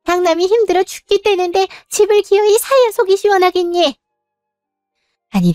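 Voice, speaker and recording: Woman as a bossy, indignant mother in a story drama, high voice, dry and close. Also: dry recording. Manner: scolding, indignant. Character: domineering older mother who favors her eldest son.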